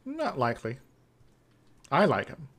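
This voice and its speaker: A man's voice: mid-range voice, huge pitch swings, measured pace, crowd noise. A man chatting casually in a playful, joking way as he plays a game. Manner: playful, jokey. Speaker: co-host of a gaming video series. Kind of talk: casual chat while gaming.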